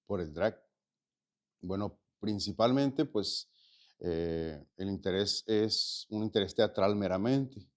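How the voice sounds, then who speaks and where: A man's voice: fairly low pitch, takes it slowly. A man in his forties from Mexico, an actor and stage producer, answering interview questions in a reflective, rambling way with many fillers and repeated words. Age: 40s. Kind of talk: casual interview conversation.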